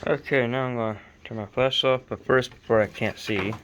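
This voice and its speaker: A man in a home workshop talks through his model truck build late at night. He sounds sleepy and easygoing, rambles and corrects himself, and his voice sits at a medium pitch. A faint hiss runs behind the phone recording. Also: steady tone, a little fast, a bit bright. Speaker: RC hobby vlogger. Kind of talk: casual build update vlog.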